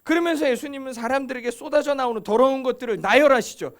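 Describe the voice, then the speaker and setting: A man's voice: extremely high pitch, fast. A male pastor giving a conversational sermon, asking rhetorical questions and acting out quoted voices.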